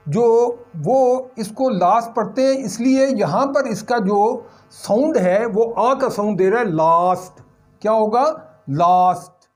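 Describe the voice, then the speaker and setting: A man's voice: sits high, a little mellow. A male English teacher giving a recorded lesson on pronunciation, asking questions and answering them himself while repeating the key sounds.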